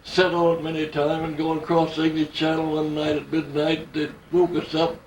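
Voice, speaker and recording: Older man, halting storyteller, raised pitch, echoey room, set back from the mic. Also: completely flat delivery, recorded from a distance, a little hiss or hum. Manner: halting, repeats and restarts words. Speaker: family member telling memories. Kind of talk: casual storytelling. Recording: echoey room, away from the mic, faint ambience.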